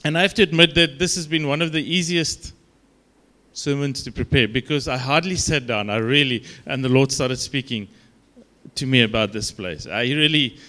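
Guest preaching in an informal sermon, this man from South Africa has a broad Afrikaans accent and a medium-pitched, sharp-toned voice. He talks in a halting, chatty way, often poking fun at himself.

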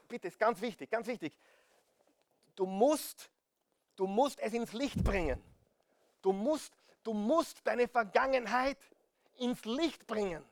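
High-voiced Austrian preacher, pleading. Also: male voice, slow, long pauses, dry recording. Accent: Austrian German. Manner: direct, pleading, repeats appeals to listen; rhetorical questions, big swings in loudness. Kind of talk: sermon.

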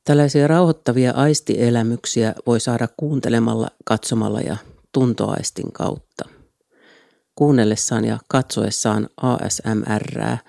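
A man hosting his own podcast, reading a scripted solo episode in a calm, even way from a small home studio. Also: mid-range voice, creaky, dry recording. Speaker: podcast host.

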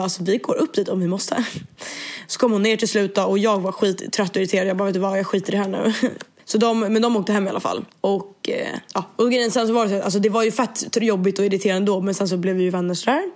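A young woman with a speech impediment, casually retelling an event and acting out what everyone said. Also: medium pitch. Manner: animated, quotes others with "jag bara", swears freely. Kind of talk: casual storytelling chat.

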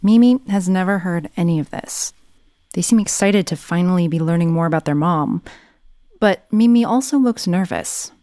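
A woman's voice: fairly low pitch, moderate pace, dark tone, no echo, clean studio sound. A woman narrating a true story in a plain, conversational way. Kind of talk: scripted narration.

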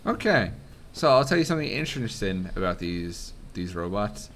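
Brief: male game master, animated storyteller, bright crisp tone. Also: fairly low pitch, a little hiss or hum. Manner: lively, quick narration with playful voices. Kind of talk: narrating a tabletop game.

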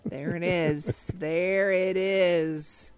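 A woman's voice: lowish voice, expressive, normal speed, fairly bright tone, faint music behind. A woman co-hosting in casual banter, teasing and playing along with mock puzzlement, repeating what was said to her. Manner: teasing, reacts to jokes with mock puzzlement and echoed punchlines. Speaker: co-host playing along with the jokes.

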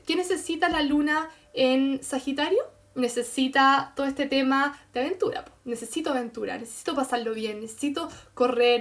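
A woman with a Chilean accent, giving a rambling, animated astrology talk on a casual live stream. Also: high voice.

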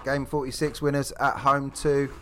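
A man's voice: medium pitch, level tone, normal speed, a bit bright, a little hiss or hum. A man hosting a live sports draw, announcing each number as a fixture and chatting casually in between. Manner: repeats each drawn number as a match announcement.

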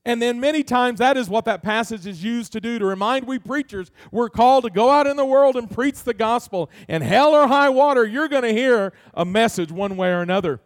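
A man's voice: very high voice, fairly quick, few pauses, dry recording, studio quality. A middle-aged male pastor preaching a sermon, earnest and folksy, asking many rhetorical questions and telling family stories.

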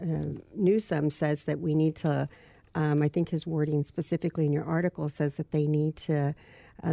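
Female talk radio host, conversational, deep and mellow, dry sound. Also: creaky, no echo.

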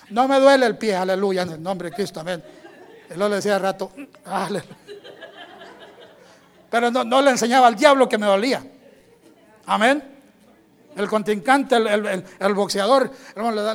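A man preaches to his congregation in a high voice. He scatters amén and hermanos through his lines and acts out the voices he quotes. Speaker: pastor. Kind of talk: sermon.

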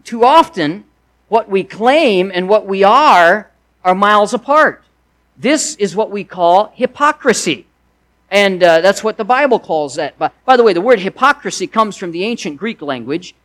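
A man delivers a sermon in a relaxed teaching manner. His voice sits high, and he talks it through with frequent restarts and asides. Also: moderate pace. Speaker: preacher.

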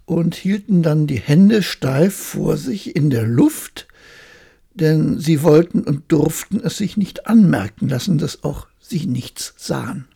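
A woman reads a bedtime fairy tale in a calm, measured way, taking her time. Her voice is gravelly, with a husky, breathy grain. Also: deep voice. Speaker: storyteller.

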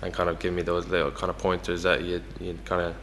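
A man's voice: low-pitched, completely flat delivery, fast talker, fairly bright tone, big-room sound, a little hiss or hum. A young Irish man talking casually as the guest in an interview, full of fillers like "you know". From Ireland. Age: young adult. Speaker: footballer guest.

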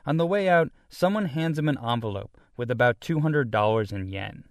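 A male reporter reads a radio news feature in a measured, storytelling way. His voice sits in a middle register, and the studio sound is dry and close with no room echo. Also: medium pitch, animated. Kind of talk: scripted news narration.

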